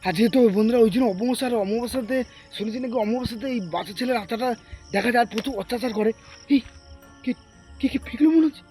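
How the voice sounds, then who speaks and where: A man's voice: very high-pitched, rapid-fire, mellow, soft background music. A man filming a ghost-hunting vlog, talking to his viewers as friends with jumpy, frightened exclamations. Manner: jumpy, frightened exclamations, repeated calls of mother. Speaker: vlogger.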